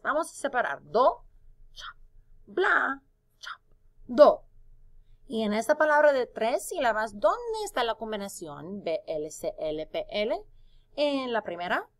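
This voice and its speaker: A woman teacher, slowly dictating a Spanish phonics lesson syllable by syllable and asking questions. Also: a little high, fairly bright tone.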